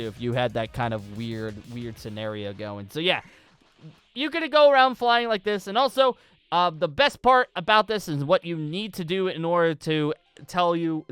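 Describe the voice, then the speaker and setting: A young adult man with a high, fairly bright voice rambles through a casual gaming tutorial, repeating phrases for emphasis. He's commenting off the cuff over gameplay from a computer desk in an indoor room.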